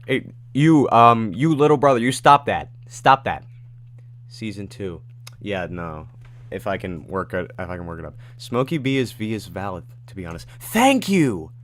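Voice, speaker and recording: A man casually answering his viewers' questions at home during a livestream, reading them out and rambling through quick asides. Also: sits low.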